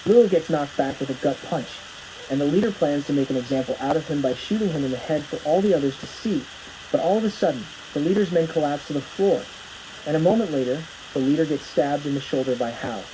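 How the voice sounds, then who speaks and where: A man's voice: on the high side, expressive, fast, noisy background. A man narrating a plot recap from a script, telling the story as it unfolds.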